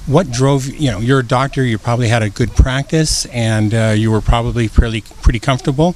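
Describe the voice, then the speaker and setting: A man's voice: mid-range voice, a little fast, darkish tone, slight background noise. A man hosting an interview in a chatty, friendly way. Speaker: interviewer and host.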